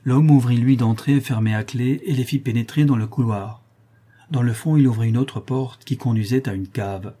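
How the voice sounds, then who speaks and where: Mellow, husky male audiobook narrator. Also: medium pitch, normal speed. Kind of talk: scripted narration of a historical novel.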